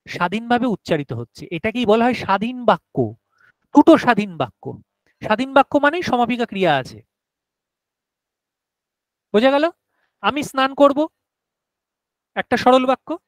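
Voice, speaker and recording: A man's voice: very high-pitched, no room sound, poor audio. A male teacher giving a grammar lesson to a class, explaining step by step and often asking whether everyone has understood.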